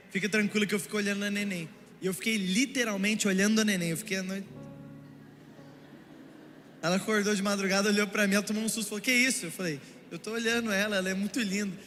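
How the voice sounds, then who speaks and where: A young man with a Brazilian Portuguese accent preaching a sermon, telling lively stories and speaking straight to the congregation. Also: high-pitched. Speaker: pastor. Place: church hall. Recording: echoey church hall with music.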